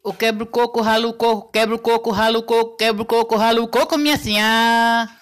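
A woman voicing a cheerful older mother who sings a children's song loudly, heard from off the mic. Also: a little high, flat delivery, fast, close to an everyday voice. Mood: singing.

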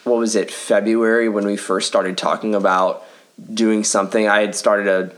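A man co-hosting a faith podcast in casual chat, talking quickly and laughing often, recorded in a living room full of pillows. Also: lowish voice, little pitch movement. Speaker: podcast co-host.

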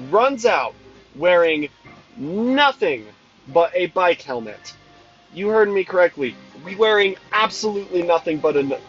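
A man's voice: mid-range voice, a bit bright. A twenty-year-old man telling a casual, profane, exasperated story about his snow cone truck job. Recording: dull lo-fi sound with faint music.

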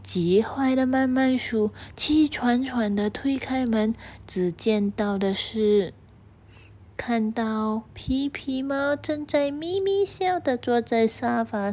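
A woman narrating a children's story in a slightly high voice. She reads slowly and soothingly. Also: a little mellow.

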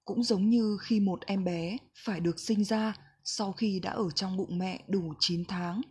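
A woman reading a reflective book passage aloud in a slow, gentle, measured way. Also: mid-range voice, steady tone, breathy edge. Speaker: book reader.

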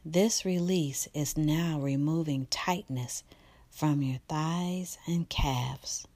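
A woman leads a guided relaxation meditation at a very slow, unhurried pace, her low voice drifting often into a soft whisper. The sound is dry and close, with no room around it. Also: no echo.

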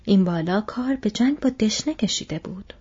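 A woman voicing a calm male elf archer with slow, easy banter, in a dull lo-fi recording. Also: medium pitch, husky. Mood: wry. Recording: dull lo-fi audio.

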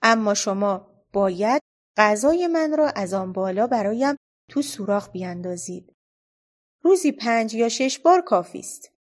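A woman voicing a bold, cheeky young girl in a storybook reading, lively and bossy. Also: medium pitch, natural voice. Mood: playful.

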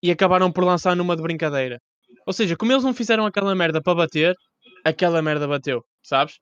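A man's voice: sits high, expressive, fast talker, fairly bright tone, clean tone, dry recording, highs cut off. A young man with a European Portuguese accent chatting casually as an interviewer, informal and full of slang and swearing. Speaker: podcast host interviewing a rapper.

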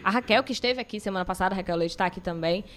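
A woman's voice: mid-range voice, faint music behind. A woman co-hosting a podcast in casual chat, reading out listener comments and laughing often. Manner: quick, laughing, reads listener comments aloud. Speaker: podcast co-host.

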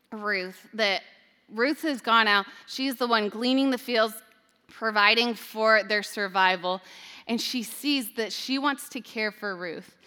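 A woman's voice: a little high, pushed and bright, smooth. A woman giving a conversational Bible talk, casual and chatty with playful modern asides. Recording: long hall reverb.

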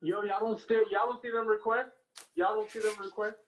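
A man's voice: high voice, flat delivery, brisk. A man calling in to a chat show, flustered and swearing under his breath. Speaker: caller. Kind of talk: casual chat. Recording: echoey line, faint noise.

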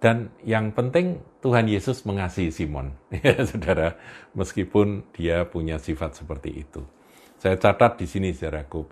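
Preacher man with a really low voice, chatty sermon, keeps chuckling and talking to the congregation. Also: a little mellow. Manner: storytelling, chuckling, addresses listeners as brothers.

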